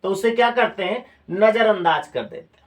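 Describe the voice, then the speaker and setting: A man's voice: high voice, moderate pace. Hindi-accented man teaching a class. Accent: Hindi of Uttar Pradesh. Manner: repeats key phrases and quizzes students with questions. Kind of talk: classroom lecture.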